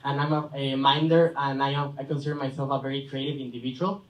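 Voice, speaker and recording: A man from Ecuador presents part of a startup pitch in a flat, even voice. He sounds far from the microphone. A large hall adds a clear echo. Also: fast talker. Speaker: startup co-founder.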